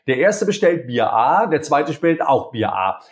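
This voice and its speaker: Man, interview guest, lively pitch, acts out little dialogues. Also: normal speed. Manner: animated, acts out quoted dialogue in different voices. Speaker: interview guest, communication speaker. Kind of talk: conversational interview.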